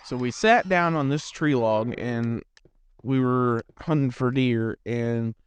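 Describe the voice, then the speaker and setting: A man's voice: mid-range voice, slow, a little hiss or hum. A teenage boy hosting a gaming channel, telling a rambling, self-deprecating story in casual chat with lots of restarts. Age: teens.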